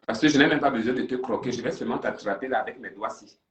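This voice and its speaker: A man's voice: medium pitch, quick pace, fairly bright tone, a little hiss or hum. A man hosting a live stream and taking callers, talking in a theatrical, confrontational way. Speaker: livestream host. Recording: roomy sound, distant from mic.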